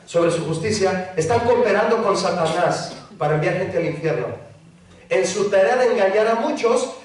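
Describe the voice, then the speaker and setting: A pastor preaching a sermon, acting out the voices of a pleading child and a parent. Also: male voice, sits high. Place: church hall. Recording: very echoey hall, mic far off.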